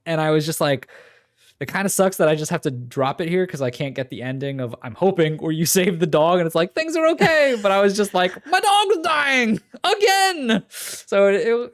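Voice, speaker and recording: A man co-hosting a casual games podcast, talking in a loose, animated way with many fillers. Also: fairly high pitch. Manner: animated, laughing, trailing off into fillers. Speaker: podcast co-host. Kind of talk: casual chat.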